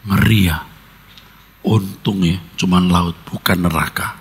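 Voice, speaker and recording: A man preaching a sermon as a pastor, telling personal stories in an animated way with jokes and sound effects. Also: deep voice, a little slow, creaky, husky, long reverb tail.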